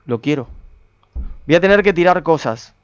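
Streamer animado de voz algo aguda. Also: male voice, a little high, normal speed, clean tone, no echo, lo-fi sound. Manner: excitable, talks to viewers and to himself. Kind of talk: gameplay commentary.

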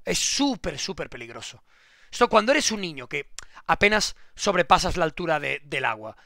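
A man giving casual live-stream commentary, swearing and repeating himself excitedly. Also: a little high, normal speed, vocal fry, dry recording, studio quality.

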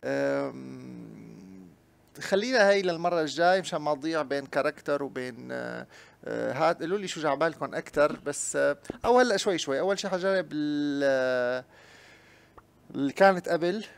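A young man, a chatty gaming YouTuber doing let's-play commentary who talks to his viewers and gets loud and excited during play. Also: on the high side, brisk, creaky, clean tone.

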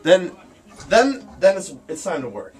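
A young American fisherman leads a tongue-in-cheek, tour-style look at his small wooden ice shack, speaking casually over guitar music. His voice is high and very animated, yet somewhat dark in tone, and he speaks unhurriedly.

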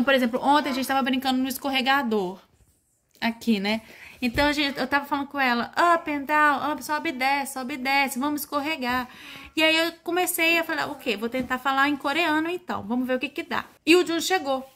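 A woman's voice: sits high, a little fast, fairly bright tone. A young Brazilian woman chatting casually in a family vlog, talking about her toddler. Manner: chatty, playful baby talk with her toddler. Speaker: vlogger mother.

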